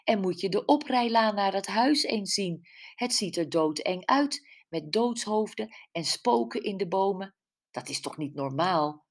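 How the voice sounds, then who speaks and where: A woman's voice: mid-range voice, expressive, measured pace, pitched above the performer's own voice. A woman voicing a fussy older mother from a village who grumbles and scolds, read in an audiobook. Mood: grumbling. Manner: scolding, complaining.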